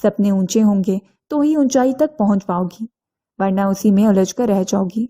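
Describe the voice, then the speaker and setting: A woman's voice: mid-range voice, warm tone, natural voice. A woman reading as a blunt, self-assured young rich man. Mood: calm, assured.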